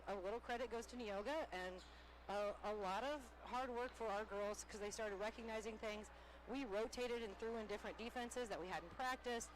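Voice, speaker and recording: A woman coach giving a candid, upbeat postgame interview, a little out of breath, with lots of fillers. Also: on the high side. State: slightly out of breath. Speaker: head basketball coach. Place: high school gym after a game. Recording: noisy gym ambience.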